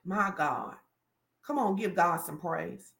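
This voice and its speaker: A woman's voice: lowish voice, slow pace, gravelly, fairly bright tone. A woman preaching a fervent sermon, declaring and commanding her congregation in a call-and-response cadence. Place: church hall. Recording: echoey room.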